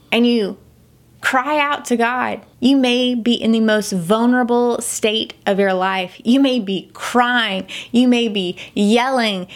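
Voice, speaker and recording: A middle-aged woman hosting a devotional podcast, telling a personal story in an earnest way and animating the voices of herself and her son. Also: a little high. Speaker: podcast host.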